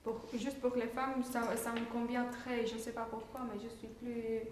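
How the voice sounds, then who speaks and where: Woman, hesitant answer, high flat voice, faint noise. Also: normal speed. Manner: hesitant, stumbling on words. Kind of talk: casual interview answer. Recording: echoey room with faint noise.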